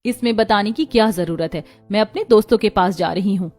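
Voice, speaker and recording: A woman voicing a young daughter-in-law and a sulky daughter in a cartoon, gentle or sharp by turns. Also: medium pitch, brisk, soft background music, close to an everyday voice. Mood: petulant.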